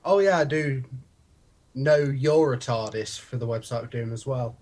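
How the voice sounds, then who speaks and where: British male, medium pitch, podcast guest, casual conversational delivery. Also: moderate pace, background noise. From Britain. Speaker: podcast guest, toy reviewer. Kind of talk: casual chat.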